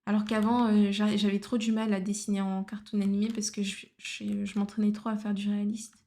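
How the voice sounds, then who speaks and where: A woman's voice: mid-range voice, level tone, brisk, warm tone. A woman streamer chatting casually while she draws, slipping English phrases into her talk and muttering to herself as she works. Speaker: art livestreamer. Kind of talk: casual livestream chat while drawing.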